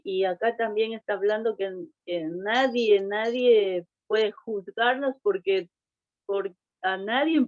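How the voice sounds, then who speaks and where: A woman's voice: mid-range voice, no room sound. A woman taking part in a Bible study, commenting hesitantly with fillers and questioning tags. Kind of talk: casual comment in group discussion. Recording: dull, muffled audio.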